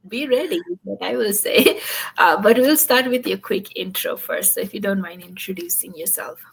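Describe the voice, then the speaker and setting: A woman's voice: medium pitch, breathy edge. A woman from Fiji hosting an online interview, upbeat and friendly, with many fillers. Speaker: host.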